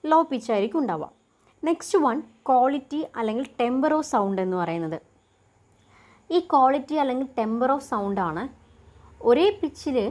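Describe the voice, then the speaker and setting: A young woman teaching a lesson. She poses questions and answers them herself, and reads English definitions out slowly. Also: fairly high pitch, a little mellow. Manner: asks and answers her own questions. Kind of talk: lecture explaining a topic.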